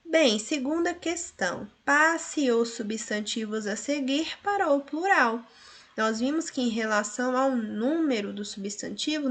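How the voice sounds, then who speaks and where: A woman's voice: fairly high pitch, fairly bright tone. A woman teacher with a Brazilian Portuguese accent, going through a revision list in a recorded lesson, drawing out words and checking in with tag questions.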